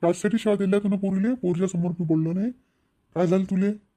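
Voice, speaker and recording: Man playing a dark-voiced, gruff village father. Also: high voice, fairly even intonation, fast talker, close to an everyday voice. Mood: calm. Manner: gruff, plain-spoken, scolding. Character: blunt village husband and father. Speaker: actor in a village family drama. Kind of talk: village comedy-drama acting.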